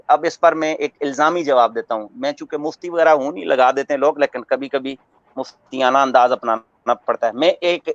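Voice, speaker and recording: A man giving a religious talk as a scholar, preaching in a measured way, quoting Arabic verses and explaining them with everyday examples. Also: a little high, dry recording. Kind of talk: religious talk on a radio broadcast. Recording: muffled radio broadcast audio.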